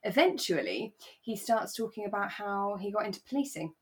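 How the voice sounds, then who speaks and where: A woman co-hosts a podcast, speaking at normal speed and medium pitch. She talks about a radio drama thoughtfully and in a relaxed way, repeating phrases for emphasis.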